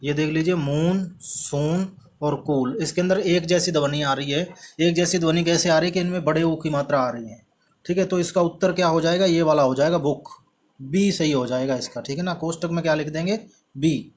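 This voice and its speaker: A male teacher with an Indian accent explaining an English textbook lesson in Hindi and English, slowly spelling out words and repeating himself. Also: fairly high pitch. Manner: slow, spells words letter by letter; repeats "ठीक है" after each point.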